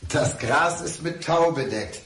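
With music playing behind him, an actor in a radio crime drama voices a brooding, deceitful, despairing countryman who pretends to be blind. His voice is fairly high and unhurried, and he speaks with intense, probing deliberation.

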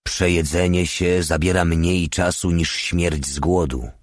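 A man voicing a gruff but fatherly middle-aged sergeant in an audiobook, calm and commanding. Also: deep voice, a little slow, dry recording, clean studio sound.

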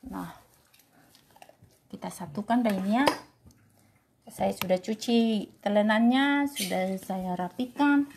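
A woman with a mid-range, darkish voice talks slowly with long pauses over slight background noise. She's vlogging while feeding her dogs, cooing at them in an affectionate singsong and scolding them by turns, in casual talk aimed at her pets.

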